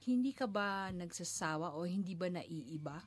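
A woman's voice: lowish voice, lively intonation, normal speed, no echo. A woman with a Filipino accent hosting a conversational interview in a radio studio. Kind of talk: conversational interview, mixing Tagalog with some English.

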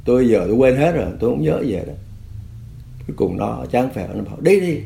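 A man's voice: medium pitch, expressive, fast talker, creaky, mellow, a little hiss or hum. An older man from Vietnam earnestly recounting his own past, often quoting himself and others. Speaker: storyteller recalling his past. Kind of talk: personal testimony.

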